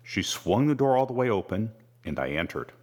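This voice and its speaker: A man reading a first-person novel aloud with measured, wry storytelling. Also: on the low side, very animated, a little mellow. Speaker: audiobook narrator. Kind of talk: scripted first-person narration.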